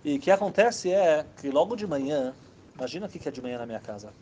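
Man, sermon storyteller, lively, slightly high voice, light noise behind. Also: fast talker. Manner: animated, acts out characters' voices. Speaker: rabbi telling stories.

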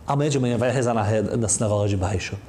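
A man's voice: fairly low pitch, racing, darkish tone, a little hiss or hum, lightly acted. A man voicing a weary older rabbi who patiently pleads to be left to sleep.

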